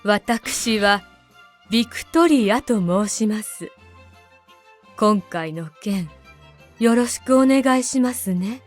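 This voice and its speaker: A woman's voice: medium pitch, unhurried, long pauses, faint music behind, lightly acted. A voice actress playing a composed, gracious queen in a visual novel, polite and stately. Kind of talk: Japanese visual novel acting.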